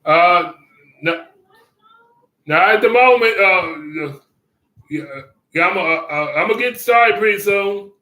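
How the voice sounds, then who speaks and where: A man giving casual commentary, rambling and halting with many fillers and restarts, chuckling often. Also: sits high, expressive, pushed and bright, roomy sound, rough recording.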